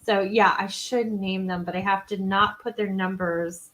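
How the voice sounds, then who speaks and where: A woman's voice: medium pitch, steady tone, measured pace, fairly bright tone, rough recording. A woman co-hosting a live true-crime podcast, chatting casually and rambling with frequent laughs. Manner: rambling, giggly, self-deprecating. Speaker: podcast co-host. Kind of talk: casual live-stream chat.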